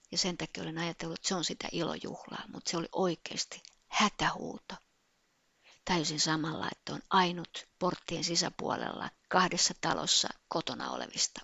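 A woman telling a personal story in a soft, often half-whispered way. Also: on the low side, no echo, highs cut off.

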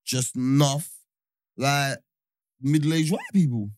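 A man's voice: mid-range voice, slow pace, a little mellow, no room sound, clean studio sound. A man with a London roadman accent bantering casually in street slang as a podcast host, repeating phrases for emphasis.

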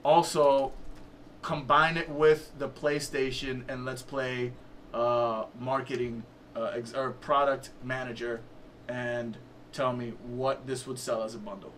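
A man's voice: medium pitch, level tone, a little slow, fairly bright tone, slight background noise. A man co-hosting a casual gaming podcast, steering the talk loosely with lots of fillers. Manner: loose and chatty, leads topics with many fillers. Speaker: podcast co-host.

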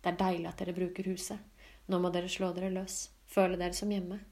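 A woman reading the lines of a lonely middle-aged mother in a soft, confiding, wistful way. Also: lowish voice, flat delivery, lightly acted.

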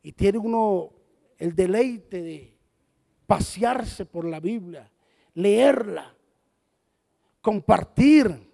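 A pastor preaches with a strikingly high voice for a man, pressing his points and throwing rhetorical questions at the congregation. His words ring out with a long reverb in a church hall. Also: expressive, drawn-out words, vocal fry, pauses often, dark tone. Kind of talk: sermon.

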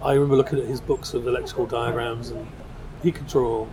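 A man's voice: medium pitch, flat delivery, fast, low-quality recording. A middle-aged man with a South London accent, talking in a casual, discursive, informal way as an interview guest. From South London, England. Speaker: podcast guest, designer. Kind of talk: casual pub interview chat. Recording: busy crowd chatter behind.

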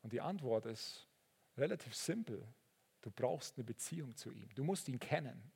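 A man preaching a sermon, earnest and sometimes rising into excited storytelling. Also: medium pitch, moderate pace, husky. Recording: long reverb of a large hall.

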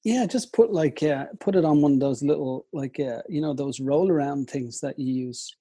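A man's voice: fairly high pitch, moderate pace, dark tone, husky. A man chatting casually as a podcast co-host, easygoing, laughing along and riffing on jokes. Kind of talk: casual chat.

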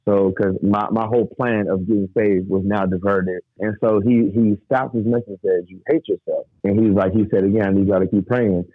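Brisk and with few pauses, this fairly low-voiced man recounts his testimony as a guest, laughing a lot and voicing the quotes of others with animation. The sound is dry and tinny like a phone line, with no room sound.

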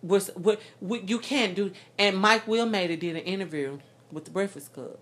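A woman's voice: mid-range voice, moderate pace. Blunt, opinionated woman in casual chat. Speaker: podcast co-host. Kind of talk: casual chat about music.

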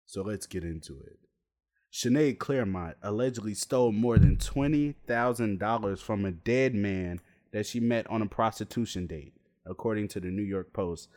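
Newscaster bit: a man doing a low, hushed, measured news anchor read, mock formal. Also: close to an everyday voice.

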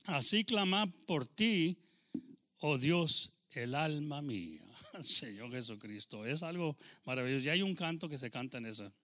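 Fervent Texan pastor preaching in Spanish. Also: male voice, a little high. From Texas. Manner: fervent preaching, rising loud when quoting scripture, frequent amens. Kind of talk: sermon. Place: church.

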